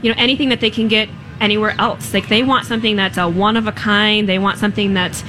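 A woman's voice: mid-range voice, flat delivery, fast talker, pushed and bright. A woman speaking as an interview guest in an earnest, meandering, casual way. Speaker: guest, small-shop owner. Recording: noisy live fair broadcast.

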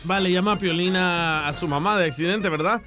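A man's voice: fairly quick, music in the background. A man hosting a radio comedy show, telling jokes and acting out the voices in them. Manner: acts out voices in jokes, high and loud.

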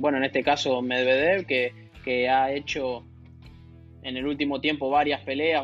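A professional tennis player, a guest with an Argentine Spanish accent, tells a story in a casual interview, hesitating and restarting along the way. His voice is mid-range and a bit bright, and the audio sounds dull.

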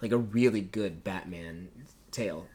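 A man hosting a casual podcast chat, jokey and quick to laugh. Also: low voice, darkish tone, husky. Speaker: podcast host.

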